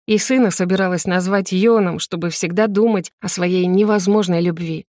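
A woman narrating an audiobook in the first person, with a lively, expressive reading. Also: fairly low pitch, normal speed, no echo, clean studio sound.

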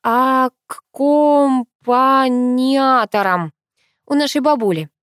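Female reader plays a sassy, mocking kid sister, lively and high, storybook audio. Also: normal speed, no echo, clean studio sound. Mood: teasing. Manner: sassy, teasing. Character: cheeky teenage girl, the narrator's younger sister.

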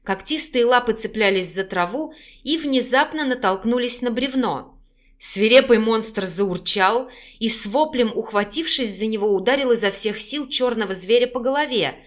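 A woman narrating an audiobook in a steady, even storytelling voice. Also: a little high, normal speed. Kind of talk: scripted narration.

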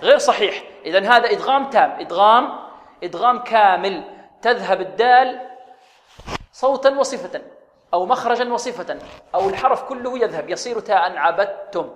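A man's voice: high voice, lively intonation, a bit bright, in a large hall. A man teaching Quran recitation rules, drawing out words in a chant and asking questions that he answers himself. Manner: models correct and wrong pronunciations, drawn-out chanting. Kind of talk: tajweed lesson.

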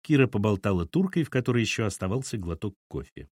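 A man narrating an audiobook in an expressive storytelling manner. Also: lowish voice, fast, breathy edge, no echo, studio quality.

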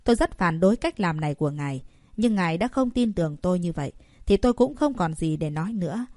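A woman's voice: on the low side, expressive, quick pace, darkish tone, no room sound, clean studio sound, close to an everyday voice. A woman voicing a serious, composed young male doctor who stands firm. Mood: stern. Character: calm steady young male herbal doctor.

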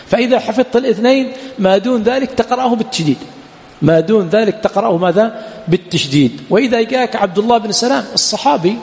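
A man teaching a classroom lecture on hadith sciences, repeatedly pausing to quiz his students on the next word. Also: sits high, animated, vocal fry, a little mellow, in a large hall. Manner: quizzes students with repeated "what?" prompts. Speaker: Islamic studies teacher. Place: lecture hall at a study center.

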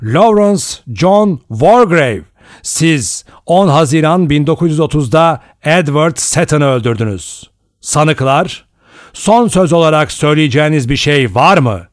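A man reading an audiobook voices a stern recorded male voice, making slow, formal accusations. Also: a little high, lively intonation, no echo, clean studio sound, pitched above the performer's own voice. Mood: accusing.

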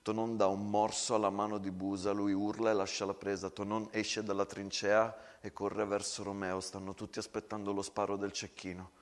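Hushed low-voiced male storyteller. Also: completely flat delivery. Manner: hushed, slow, grave narration. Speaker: storyteller and actor. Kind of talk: theatrical war-story monologue on radio.

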